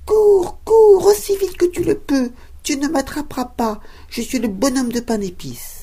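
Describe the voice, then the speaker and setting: A woman doing a shrill cheeky gingerbread man. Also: unhurried, dark tone, slight background noise. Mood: taunting. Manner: shrill taunting sing-song chant. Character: boastful little gingerbread man, cheeky runaway. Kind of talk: storybook reading for children.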